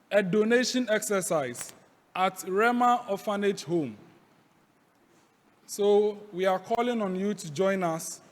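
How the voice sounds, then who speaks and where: A man with a Ghanaian accent makes formal podium announcements as master of ceremonies in a large hall. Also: sits high. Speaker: master of ceremonies at a youth parliament sitting. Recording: echoey hall, long reverb.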